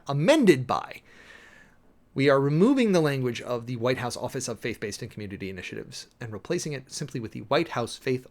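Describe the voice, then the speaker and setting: Reading official documents with theatrical drama, an American man who works as a streamer and preacher-style host picks them apart closely in emphatic, deliberate phrasing. His voice is medium-pitched and gravelly.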